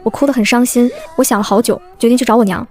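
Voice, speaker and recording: A woman tells a fantasy tale in first person as scripted storybook narration. Her voice sits slightly high, and she moves through the lines at a quick, lively pace.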